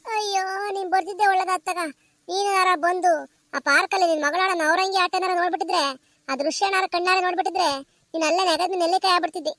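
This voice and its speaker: A woman voicing a scolding, gossiping village grandmother in a cartoon, talking in a fast, nagging, dramatic way. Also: extremely high pitch, fairly even intonation, pushed and bright, no room sound, studio quality.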